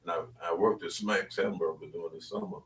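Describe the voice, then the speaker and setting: A man's voice: deep voice, very animated, brisk, vocal fry. An older man in his seventies from Louisiana with a Southern US accent, telling his stories casually in conversation. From Louisiana, American South. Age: 70s. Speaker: interview guest. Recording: roomy, distant mic, faint background noise.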